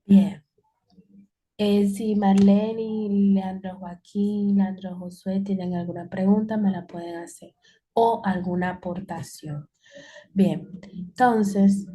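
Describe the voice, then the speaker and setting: A woman's voice: mid-range voice, fairly even intonation, slow pace, warm tone. A woman teaching English in an online class, explaining patiently and repeating key points.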